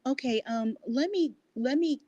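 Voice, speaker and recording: A woman talking in halting bursts over an online call connection that keeps breaking up. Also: sits high, animated, lo-fi sound, a crowd in the background. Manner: halting, restarts often. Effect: choppy, breaking-up online call connection. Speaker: caller in an online discussion. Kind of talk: casual debate.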